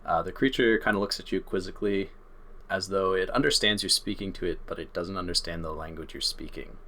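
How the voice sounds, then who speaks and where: Deep-voiced male dungeon master. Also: brisk, bright, forceful tone. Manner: descriptive, easygoing, with hesitant fillers. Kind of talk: tabletop game narration.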